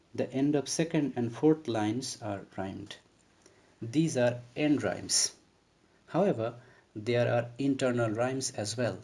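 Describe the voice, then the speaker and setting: A man with a mellow, mid-range voice presents a recorded lecture on a poem. As a literature lecturer, he breaks down terms methodically, step by step.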